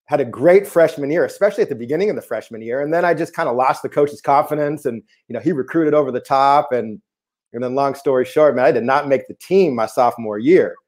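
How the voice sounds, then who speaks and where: Over a remote video call, a basketball coach from the Seattle area chats casually and tells stories. He talks fast at a medium pitch with a slightly mellow tone, stays laid-back, laughs easily and says "man" a lot.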